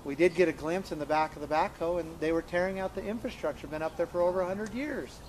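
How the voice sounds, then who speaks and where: A man's voice: fairly high pitch, fast, a little hiss or hum, rough recording. Earnest man telling a story. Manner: earnest, emphatic, repeats words and restarts. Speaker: interviewee recounting events. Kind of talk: conversational storytelling.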